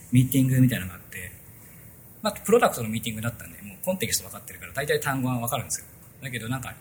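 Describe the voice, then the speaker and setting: Chatty fast-talking male podcast host. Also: mid-range voice, a bit bright, slight background noise. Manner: loose and chatty, many fillers. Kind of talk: casual podcast chat reading a sponsor spot.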